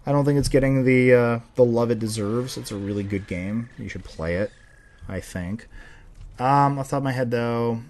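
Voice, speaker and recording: A young man in his twenties, with a medium-pitched, darkish voice and a moderate pace, hosts a laid-back viewer Q&A. He rambles and swears freely as he answers questions, often ranting at his own expense.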